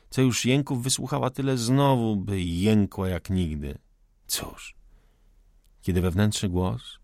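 A man's voice: fairly low pitch, creaky, no room sound. Dry, dramatic male audiobook narrator. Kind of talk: scripted literary narration. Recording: dry close recording.

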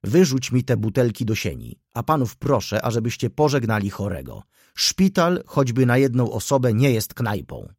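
A man's voice: mid-range voice, very animated, moderate pace, hardly any pauses, darkish tone, breathy edge, dry recording, clean studio sound. A man voicing a stern, ironic middle-aged male doctor who talks in a brusque, scolding way, in an audiobook reading.

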